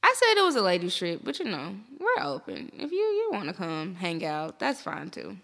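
A woman, hosting a podcast in animated, slangy, profane banter. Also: medium pitch, creaky, long reverb tail. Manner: animated, slangy, quick to laugh. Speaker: podcast host.

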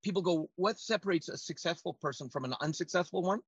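A man's voice: high-pitched, quick pace, slightly rough, no room sound, lo-fi sound. A man speaking as an interview guest, telling personal stories conversationally and emphatically. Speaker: podcast guest, trainer and speaker.

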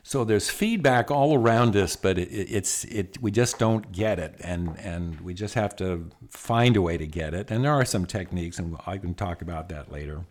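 Lively storytelling middle-aged man. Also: deep voice, moderate pace, few pauses. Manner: animated, many restarts and asides. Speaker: executive coach. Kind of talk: conversational storytelling.

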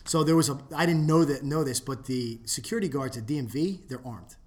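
A man in casual podcast chat, telling a long story with many restarts and trailing off into low mutters. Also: fairly quick. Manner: rambling, restarts often, drops to a low mutter when quoting.

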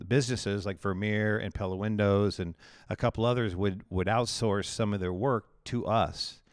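In a conversational interview, an Iowa pastor in his forties rambles loosely through his story, frequently restarting sentences. His fairly low voice is smooth and clear, recorded close and dry.

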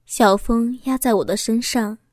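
A woman's voice: on the high side, a little slow, darkish tone, dry recording, studio quality. Woman reading a confessional story. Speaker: narrator. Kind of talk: first-person audiobook narration.

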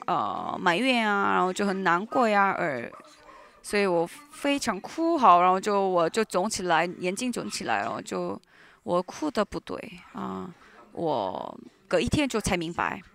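A woman interpreting a sermon live in a church, speaking in halting phrases with frequent restarts and fillers. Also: mid-range voice, big pitch swings, creaky, a bit bright. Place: church hall.

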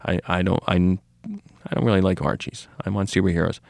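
A man's voice: low voice, steady tone, normal speed, vocal fry, darkish tone, dry recording, studio quality. A middle-aged man who runs a comic shop, telling long rambling stories on a podcast with many restarts and asides. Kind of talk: casual storytelling conversation.

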